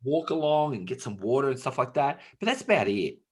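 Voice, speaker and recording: Australian male co-host, husky and animated, comic anecdotes. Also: medium pitch, brisk. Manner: animated, jokey storytelling with acted-out quotes. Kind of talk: casual comedy chat.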